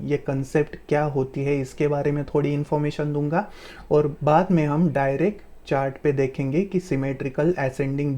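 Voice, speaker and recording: A man's voice: a little high, warm tone. A man teaching chart-reading to his followers, explaining patiently and repeating key terms, often mixing English phrases into his sentences. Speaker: trading instructor. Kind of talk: screen-recorded chart tutorial.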